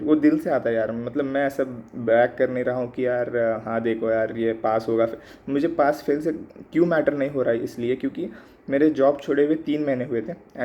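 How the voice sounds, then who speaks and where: A man in his mid-twenties talks through his thoughts, pausing often and mixing in English words. His voice is mellow and low in brightness. The recording is a little muffled, with a faint hum of background noise. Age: 20s. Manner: hesitant, many fillers, mixes English into Hindi. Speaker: exam aspirant vlogger. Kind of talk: casual reflective monologue.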